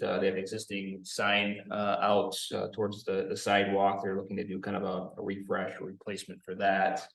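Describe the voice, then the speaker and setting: A man's voice: lowish voice, vocal fry. Hesitant male staffer in an echoey room. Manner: apologetic, hesitant, many fillers. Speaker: city staff member. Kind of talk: reporting to a public meeting. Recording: roomy, echoey meeting room.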